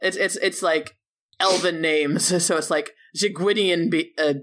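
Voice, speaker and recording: A woman's voice: on the low side, steady tone, unhurried. A woman playing a tabletop game, giggly and rambling, stumbling over her words in casual banter. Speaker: player. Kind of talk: casual role-play banter.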